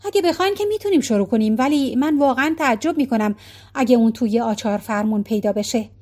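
A woman's voice: fairly high pitch, darkish tone, lightly acted. A woman reading a storybook voicing a drowsy old man who answers hesitantly and noncommittally.

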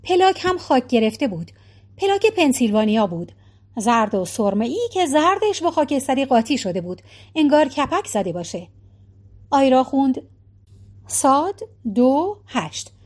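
A woman narrating a novel as an audiobook, reading in an even, measured way. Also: high voice. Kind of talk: scripted narration.

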